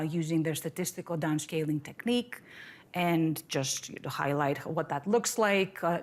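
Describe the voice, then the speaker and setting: A middle-aged woman from Greece giving an academic seminar talk in a conversational, friendly way, with fillers and restarts, at a podium in a lecture room. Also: lowish voice. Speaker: seminar speaker, professor.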